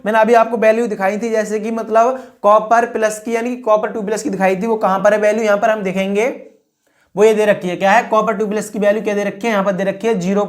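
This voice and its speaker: A woman's voice: medium pitch, level tone, fast. A woman teaching a chemistry exam-prep lecture who keeps asking rhetorical questions, repeating each answer and padding her sentences with "I mean" and "that is". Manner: fills speech with 'I mean' and 'that is'.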